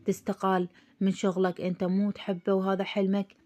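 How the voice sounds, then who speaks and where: A man's voice: sits high, monotone, a little fast, darkish tone, natural voice. A woman voicing a serious Iraqi man who asks pointed questions, in Iraqi Arabic.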